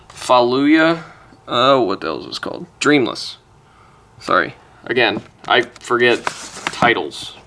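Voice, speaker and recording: A man's voice: on the low side, bright, forceful tone, a little hiss or hum. A man chatting casually at home, rambling through a list and swearing offhand. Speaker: music collector vlogger. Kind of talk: casual chat listing albums. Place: room at home, close to a wall.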